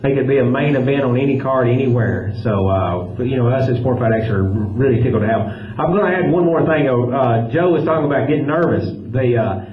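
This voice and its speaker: A male promoter speaks informally at a press conference. His mid-pitched voice comes through dull and echoey. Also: lively intonation, fairly quick, hardly any pauses. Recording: echoey room, dull sound, faint noise.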